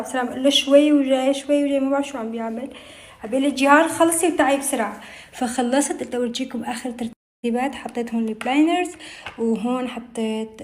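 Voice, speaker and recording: A woman with a Levantine Arabic accent, chatting casually to camera in a vlog, playful and fast, often trailing off softly. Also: on the high side. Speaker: vlogger.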